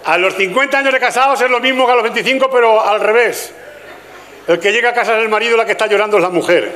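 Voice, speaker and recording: On a live stage before an audience, an older Spanish man with a Spanish accent performs a chatty stand-up routine at a gala, teasing the crowd. His voice sits high, sharp and fast.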